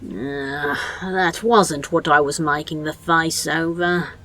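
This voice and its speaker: Woman playing a low-voiced scolding demon man. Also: steady tone, slow pace, bright, forceful tone, exaggerated voice. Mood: exasperated. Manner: dry, exasperated, scolding. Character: sardonic bossy male demon, worldly. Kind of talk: fan audio drama.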